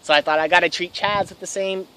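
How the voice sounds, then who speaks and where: A young man in his twenties telling a story casually to camera, excitable, swearing freely and laughing often. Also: high-pitched, fast talker, slight background noise. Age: 20s. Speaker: vlogger. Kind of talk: casual first-person storytelling.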